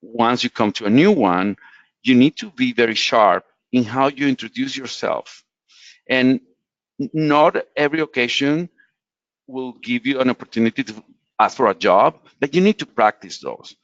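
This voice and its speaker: Speaking English at a moderate pace in a mid-range voice, a man from Latin America offers earnest career advice, explaining carefully but often restarting. The recording is dry, with the muffled sound of a webinar.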